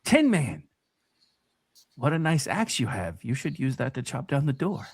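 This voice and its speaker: Guy doing a fretful kindly scarecrow, radio play, slow stammery delivery that swoops around, close dry sound. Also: medium pitch, huge pitch swings, slightly rough, no echo, exaggerated voice. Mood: earnest. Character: excitable, panicky, kindly Scarecrow companion. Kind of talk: comic radio play acting.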